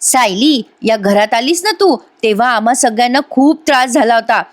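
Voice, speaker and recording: A woman reading the lines of a sharp-tongued, scornful young woman in a TV drama recap, voicing her taunts in a raised, shrill tone. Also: normal speed, close to an everyday voice. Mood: taunting.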